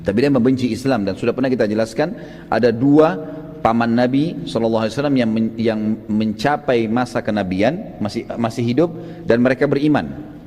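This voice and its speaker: A man preacher telling a religious story as a vivid storyteller, often rising into loud exclamations and addressing listeners as friends. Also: medium pitch, a little fast, in a large hall, slight background noise. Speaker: Islamic preacher.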